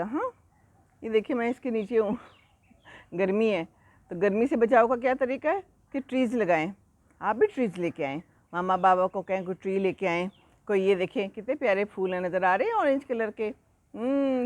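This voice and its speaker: Lively woman telling children a story. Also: mid-range voice, no room sound. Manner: animated, keeps asking the children questions. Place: outdoors under a tree.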